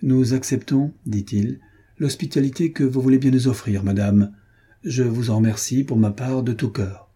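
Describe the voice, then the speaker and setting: A man reading aloud voices a polite, authoritative doctor who speaks in a courteous, measured way. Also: medium pitch, mellow, slightly rough, lightly acted.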